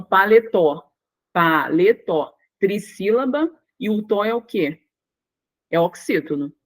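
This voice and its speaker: A Brazilian woman gives an online Portuguese lesson for exam prep in a mid-pitched voice. She works through each answer step by step and leans hard on stressed syllables. She keeps checking that her students follow along. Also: darkish tone, rough recording. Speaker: Portuguese language teacher.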